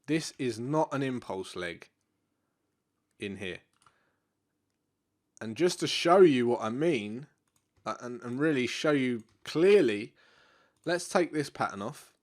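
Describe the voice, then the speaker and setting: A forex trading educator with a stuffy, congested nose walks through charts in a live market analysis. His medium-pitched voice moves slowly, with frequent pauses. He sounds relaxed, repeats himself and uses many fillers.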